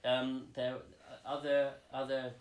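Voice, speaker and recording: A man's voice: mid-range voice, monotone, slow pace, crowd noise. A man, the show's producer, talking in a wry, apologetic way from off-mic.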